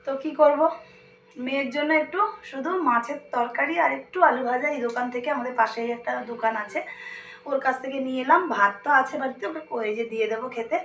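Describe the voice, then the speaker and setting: A woman's voice: sits high, quick pace, slight background noise. A young woman with a Bengali accent, talking chattily to her viewers as friends in a casual home vlog. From India. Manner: speaks softly at times so her sleeping daughter is not woken. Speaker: vlogger. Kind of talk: casual daily vlog narration. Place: at home, indoors.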